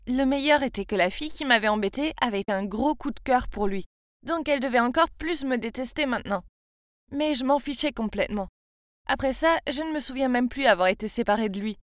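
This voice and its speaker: A young woman from France narrates her own story in a confiding, chatty tone. Her voice sits fairly high and sounds close and dry, with no room around it. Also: no echo. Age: 20s. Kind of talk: scripted first-person story narration.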